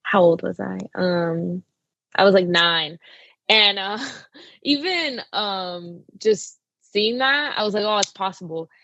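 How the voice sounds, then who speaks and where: A woman's voice: mid-range voice, slow, fairly bright tone, dry recording, lo-fi sound. A young woman wrestler talking casually in an interview, with lots of "like" fillers. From Arizona. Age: young adult. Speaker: wrestler guest.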